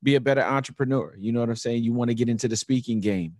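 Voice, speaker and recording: A man co-hosting a podcast in casual chat, relaxed and slangy, often dropping "you know what I'm saying.". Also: mid-range voice, racing, no echo, clean studio sound. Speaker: podcast co-host.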